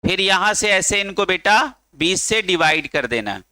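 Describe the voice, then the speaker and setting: A man's voice: sits high, sing-song, a little slow, sharp tone, clear, resonant tone, no room sound. A male chemistry teacher giving a classroom lecture, coaxing his students and drilling them to chant along.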